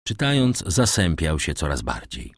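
Deep-voiced male audiobook narrator. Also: big pitch swings, slightly rough, dry recording, clean studio sound. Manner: measured, dramatic storytelling. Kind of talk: scripted narration.

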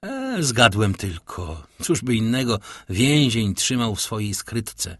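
A noble count from a classic novel, grave and measured in every word, as the narrator puts him on. The voice sits low and husky, dry and close. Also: male voice, very animated, no room sound, heavily acted. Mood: urgent. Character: grave, noble, wealthy count, once a prisoner.

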